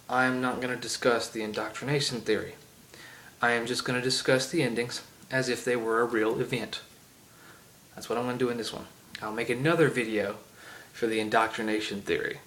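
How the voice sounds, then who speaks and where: In a low-quality iPod camera recording with slight background noise, a man speaks at a moderate pace in a medium-pitched, fairly bright voice with fairly even intonation. The gaming vlogger has a heavy Southern accent and rambles casually about a game, chatty and littered with ums and asides.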